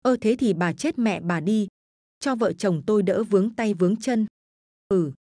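A woman's voice: mid-range voice, normal speed, dark tone, no room sound, clean studio sound, natural voice. A woman doing a sneering, greedy village man. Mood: mocking. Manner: sneering, mocking. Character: crude, greedy middle-aged village man.

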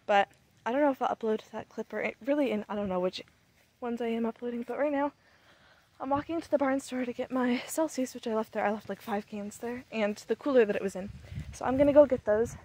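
A young vlogger rambles casually and chattily in a fast, slightly high voice with a darkish tone. She records herself outdoors on a phone held at arm's length while walking across an open camp.

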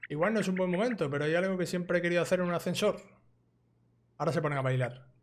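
Over video game music, this young man from Spain, a gaming YouTuber, talks casually through a let's play and reads the game's lines aloud. He has a high voice and speaks fast, with slight background noise.

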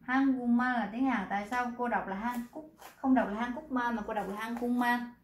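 A woman teaching, patiently explaining, quizzing the class and repeating words slowly. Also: on the high side, steady tone, reverberant, a little hiss or hum. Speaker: Korean language teacher.

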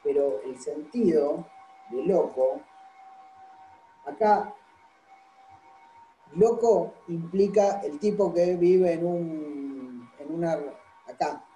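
A man's voice: a little high, drawn-out words, pauses often, warm tone, reverberant, soft background music, rough recording. A man giving a university lecture. He explains patiently and keeps checking that the class follows. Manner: explanatory, constantly checks understanding with "¿sí?".

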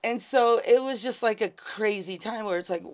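A woman in her forties from Kuwait, a podcast guest telling her story in a casual, animated way, acting out the people in it. She speaks in a small studio set. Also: mid-range voice, moderate pace. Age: 40s.

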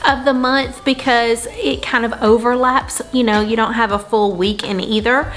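A woman's voice: on the high side, steady tone, moderate pace, a bit bright. A woman in her forties hosting a home cleaning vlog, explaining her routine in a friendly, conversational way, step by step. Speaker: host of a home cleaning channel. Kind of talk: casual chatty vlog talk and tips.

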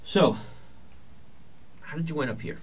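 A male police detective with a voice on the high side speaks a little slowly while questioning someone in an interview room. His manner is polite, procedural and reassuring, preserved on an old interrogation tape that is muffled, lo-fi and faintly hissy.

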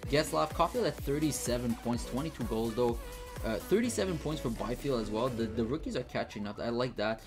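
A man's voice: mid-range voice, lively intonation, brisk, over music. A man giving casual, think-aloud commentary over his gameplay, with frequent fillers and restarts. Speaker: gaming channel host.

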